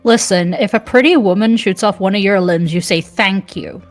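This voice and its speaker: A woman's voice: medium pitch, normal speed. Woman, mid-range voice, casual game banter, wry, background music. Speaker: let's play co-host.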